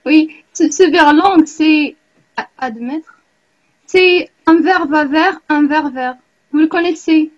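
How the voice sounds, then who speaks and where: A woman hosting an online language club, slowly explaining and checking whether the group follows. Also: high-pitched, dull audio. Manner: slow, explanatory, asks the group questions. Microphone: video call.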